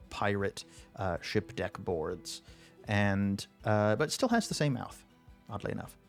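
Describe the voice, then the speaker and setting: Slow, suspenseful male game master. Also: on the low side. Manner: suspenseful storytelling with deliberate pauses. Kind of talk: narrating a tabletop fantasy game.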